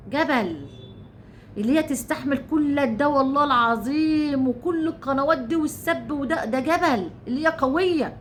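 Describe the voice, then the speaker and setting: A woman's voice: high voice, fairly bright tone, a little hiss or hum. A woman with an Egyptian Arabic accent giving heated, repetitive ranting commentary to her channel, swearing oaths often. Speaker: YouTuber.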